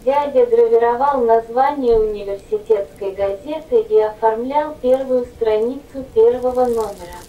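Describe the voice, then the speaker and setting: A woman's voice: on the high side, muffled recording, a little hiss or hum. Robot voice, female, echoey and distant. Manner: even, mechanical reading. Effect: robot text-to-speech voice. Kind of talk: reading autobiographical notes aloud.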